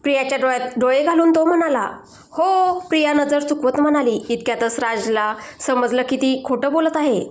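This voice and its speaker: A woman narrating a dramatic storybook romance in a steady, dramatic manner. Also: sits high, fairly quick, few pauses, roomy sound.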